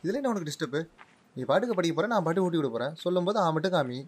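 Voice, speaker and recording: A young man acting as a caring boyfriend in a web series, speaking gently and reassuringly, with music underneath. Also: a little high, animated, very fast, noisy background, close to an everyday voice. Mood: coaxing.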